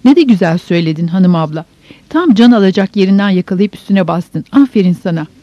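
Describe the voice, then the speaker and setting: A woman voicing a pompous, flattering older uncle, in a dull, dry audiobook recording. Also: mid-range voice, quick pace, dry recording, close to an everyday voice.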